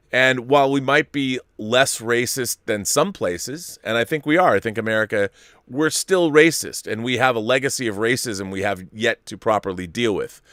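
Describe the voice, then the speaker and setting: A middle-aged man hosts a live stream, reading out viewers' super chats and rambling through opinionated commentary, often interrupting and restarting himself. His voice is medium in pitch with a sharp tone. The sound is clean studio quality with no echo.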